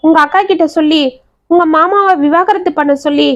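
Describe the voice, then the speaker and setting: A woman's voice: extremely high pitch, fairly even intonation, a little fast, voice pushed up. A woman voicing a caring, protective schoolteacher who asks anxious, probing questions. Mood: alarmed. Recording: dry, slightly dull audio.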